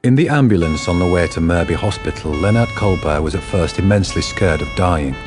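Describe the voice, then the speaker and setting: A man narrates a crime radio drama, reading the scripted story in a measured, deadpan way with a grave mood. His voice sits low, over music.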